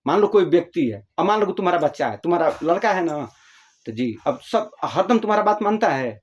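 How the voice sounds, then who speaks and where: A man's voice: sits high, lively intonation, fast talker, husky. A man from northern India casually about spiritual questions, repeating himself and acting out small everyday dialogues as examples. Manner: repetitive, explains with homely examples, acts out little dialogues.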